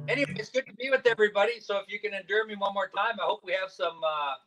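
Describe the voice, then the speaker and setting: A man's voice: high-pitched, animated, fairly quick, over loud music, low-quality recording. A man from Saskatchewan, Canada, joining a video call by phone and telling a rambling, self-deprecating story in a jovial, casual way. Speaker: guest performer.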